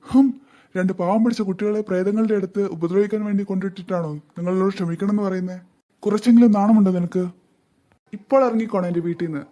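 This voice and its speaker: A man's voice: sits high, steady tone, fast talker, mellow, lightly acted. Man voicing a stern scolding cartoon ghost. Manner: scolding, threatening. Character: stern protective house ghost, grown male.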